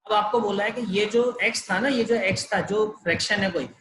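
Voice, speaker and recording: A man's voice: high voice, fairly quick, a bit bright, rough recording. A man teaching a math class over a video call, explaining each step patiently. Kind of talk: online math lesson.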